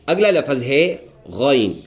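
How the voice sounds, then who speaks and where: Soft music plays behind a medium-pitched, sing-song male voice. He is a Quran teacher with a Pakistani Urdu accent, patiently explaining Arabic letter pronunciation to beginners and lengthening each sound as he demonstrates.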